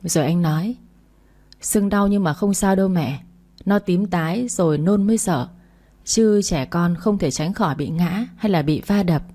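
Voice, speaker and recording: Low, mellow-voiced woman telling a story. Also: moderate pace. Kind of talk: first-person story narration.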